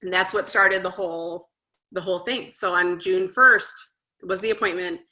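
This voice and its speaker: A woman's voice: lowish voice, steady tone, moderate pace, pushed and bright. A woman in her thirties, a guest parent telling her story in a casual interview, chatty and earnest, acting out the conversations she recalls. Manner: chatty, with frequent "like" and "you know".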